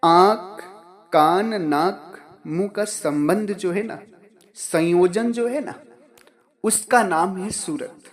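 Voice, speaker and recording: A man's voice: sits high, slow pace. A man giving a devotional sermon as a spiritual teacher, repeating key phrases and asking questions that he answers himself.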